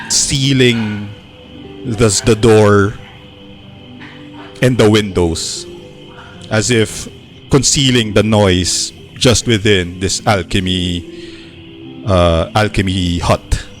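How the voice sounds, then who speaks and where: A man in the role of dungeon master, narrating a tabletop game in a relaxed, unhurried way with many filler words. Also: fairly low pitch.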